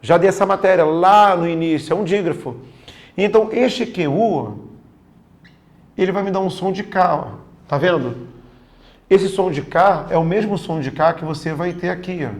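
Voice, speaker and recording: A man's voice: on the high side, a little mellow. A man teaching a grammar lesson for exam prep in a casual, slangy way, often checking in with his students.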